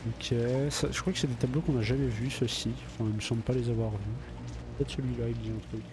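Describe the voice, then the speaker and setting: Background noise accompanies a man of medium pitch who speaks fast with fairly even intonation. He's a let's play gamer with a slight cold, casually chatting to himself as he plays.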